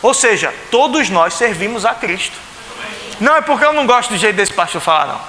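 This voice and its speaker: A man's voice: sits high, lively intonation, a little fast, sharp tone. A male pastor with a Pernambuco Brazilian accent preaching a sermon in a church, chatty and full of rhetorical questions, acting out the voices he quotes. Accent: Pernambuco Brazilian Portuguese. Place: church sanctuary. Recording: echoey church hall, faint hiss.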